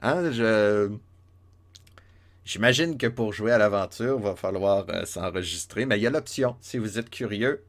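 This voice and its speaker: A man's voice: on the low side, unhurried. Fields: Sex: male. Style: joking game commentary. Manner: playful, joking, many fillers and restarts. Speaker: let's play host.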